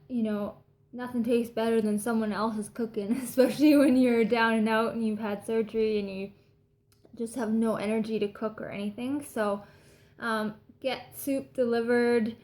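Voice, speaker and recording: Higher-pitched Canadian woman vlogging casually. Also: a little mellow. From British Columbia, Canada. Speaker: vlogger sharing recovery tips. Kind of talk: casual advice vlog.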